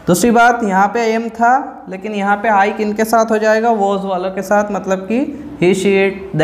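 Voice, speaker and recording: High-voiced male teacher, echoey room. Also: a little hiss or hum. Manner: repeats "ठीक है?" checks, asks and answers own questions. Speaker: English grammar teacher. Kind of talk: whiteboard grammar lesson.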